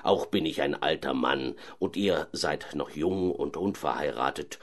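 A man's voice: extremely low pitch, measured pace, voice pushed down, heavily acted. A man voicing a reluctant, grumbling old grand vizier who has been turned into a stork.

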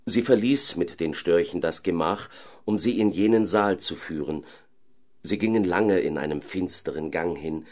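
A man calmly narrating a fairy tale audiobook. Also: low-pitched, moderate pace.

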